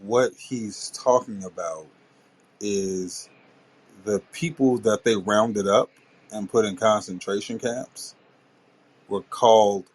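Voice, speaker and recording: Blunt, low-voiced male podcast host. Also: slow pace, pauses often, slightly rough, low-quality recording. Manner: blunt, swears casually. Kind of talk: casual chat.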